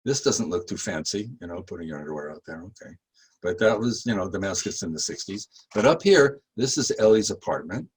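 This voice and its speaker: A man guiding a history tour, talking casually with many fillers and rising in pitch when he makes a point. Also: breathy edge, poor audio. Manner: chatty, halting with many fillers, rises when emphatic. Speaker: tour guide. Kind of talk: guided history talk.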